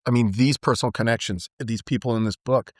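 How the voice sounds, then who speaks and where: A man's voice: medium pitch, fairly even intonation, brisk, dry recording, clean studio sound. A middle-aged man, a podcast guest, reflecting and telling stories in an earnest, conversational way. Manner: reflective storyteller, warm and earnest. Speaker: guest, business owner and author. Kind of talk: casual chat.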